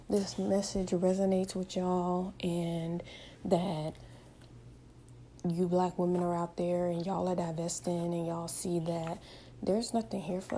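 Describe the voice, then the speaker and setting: Impassioned mellow-voiced young woman. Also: lowish voice, a little hiss or hum. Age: 20s. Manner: impassioned, emphatic, rhetorical questions. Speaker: vlogger. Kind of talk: opinionated direct-to-camera monologue.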